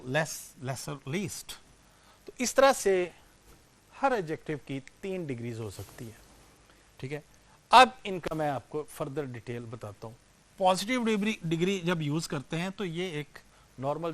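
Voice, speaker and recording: A man teaching English grammar to students, explaining step by step and checking in often with questions. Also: on the high side. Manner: volume rises and falls sharply, slows to stress example sentences. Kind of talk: classroom grammar lecture.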